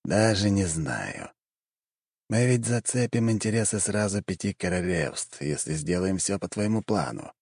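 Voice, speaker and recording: A man's voice: low voice, expressive, a little mellow, breathy edge, no echo, studio quality, full character voice. A man voicing a weary, thoughtful male necromancer in an audiobook, speaking hesitantly and with sighs. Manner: hesitant, sighing, slow. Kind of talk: audiobook character voice.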